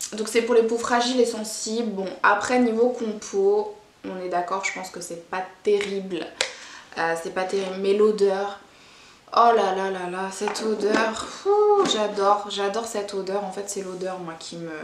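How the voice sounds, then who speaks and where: A young woman from Brittany reviewing beauty products in a chatty, rambling way, full of hesitations. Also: mid-range voice. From Brittany, France. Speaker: beauty vlogger. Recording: echoey room with faint noise.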